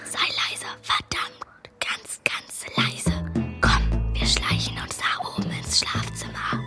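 A high-voiced, excitable young girl. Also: slow, over loud music. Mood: frantic, hushed. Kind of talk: German children's radio play acting.

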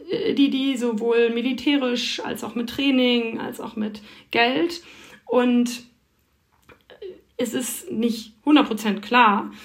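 A foreign correspondent, a woman, gives detailed answers in an interview. Her somewhat high voice moves thoughtfully through each explanation, with plenty of filler sounds between points.

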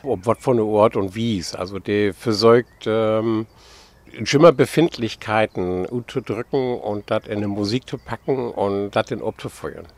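A man, a guest on a radio talk, answering at length and pausing to find his words. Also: fairly low pitch, darkish tone, no echo. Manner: hesitant, thinks aloud with fillers. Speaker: guest, actor and writer. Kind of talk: casual radio interview.

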